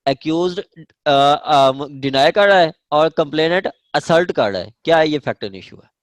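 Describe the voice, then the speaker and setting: A man with a Pakistani accent gives an online law lecture over screen share, explaining legal definitions and making sure students understand by repeating and rephrasing key points. He has a fairly high voice with lively intonation and normal speed, recorded dry.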